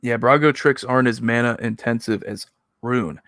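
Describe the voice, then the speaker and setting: A man's voice: medium pitch, moderate pace, fairly bright tone, dry recording, studio quality. A man hosting casual reaction commentary, talking in a rambling, self-critical way. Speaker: video host reacting to own old videos.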